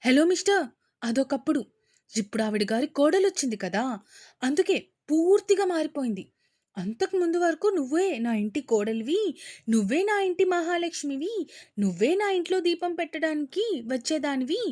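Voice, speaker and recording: A woman voicing a spoiled, scheming young woman who rants loudly on the phone at her father. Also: high-pitched, expressive, normal speed, no room sound, studio quality, pitched above the performer's own voice. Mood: mocking, angry. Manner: loud, angry ranting.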